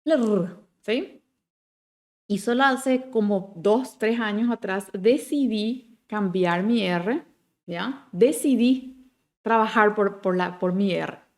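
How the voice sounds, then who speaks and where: A middle-aged woman from Paraguay with a Paraguayan Spanish accent, giving an online German pronunciation lesson. She keeps checking in with her viewers and slowly repeats each German example word. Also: medium pitch. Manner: checks in constantly with "¿ya?" and "¿ok?"; models German words slowly and repeats them. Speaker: German teacher.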